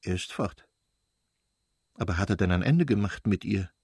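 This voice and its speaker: A man voicing a bitter, furious betrayed noblewoman in a shrill, raised voice. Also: lively intonation, moderate pace, darkish tone, breathy edge, dry recording, studio quality, full character voice. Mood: bitter, brooding. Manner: shrill, screaming outbursts.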